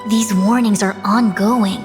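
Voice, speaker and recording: A calm young seer played by a woman with a mid-range voice and dry wit. Her measured, formal game lines carry long reverb with music underneath. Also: medium pitch, natural voice. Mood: serious. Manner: measured, deadpan. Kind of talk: video game voice acting.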